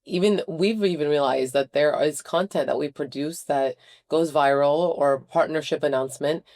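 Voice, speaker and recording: A woman's voice: deep voice, moderate pace, a little mellow. A woman hosting a podcast interview, chatty and enthusiastic as she talks with her guest. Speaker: podcast host. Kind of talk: casual interview chat.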